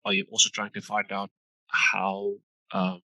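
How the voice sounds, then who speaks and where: Bright-voiced male interviewer. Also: on the low side, monotone, unhurried, dry recording, rough recording. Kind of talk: informal recorded interview introduction and questions. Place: busy shared office. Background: busy office background noise.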